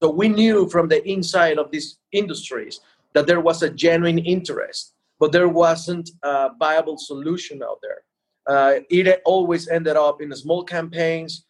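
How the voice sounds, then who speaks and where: A man explaining things in an interview as a guest entrepreneur, halting and repeating words as he goes. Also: a little high. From Mexico.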